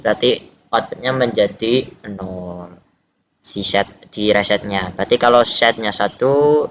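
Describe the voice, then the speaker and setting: A man's voice: on the low side, a bit bright, a little hiss or hum. Young man explaining a circuit casually. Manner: informal, hesitant, many fillers and self-corrections. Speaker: student explaining a lab project.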